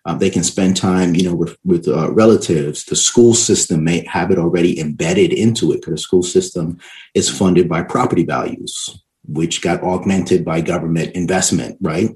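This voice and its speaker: With a deep, slightly mellow voice at a moderate pace, this interview guest lays out his views on education and economics. He has roots in Barbados and New York City, speaks emphatically, and keeps punctuating his points with short tag questions like "right?"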